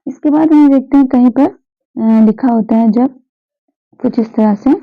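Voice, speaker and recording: A woman's voice: on the high side, normal speed. A woman teacher explaining pronunciation patiently, repeating sounds and answering her own questions. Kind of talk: Hindi pronunciation lesson. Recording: tinny phone-like recording.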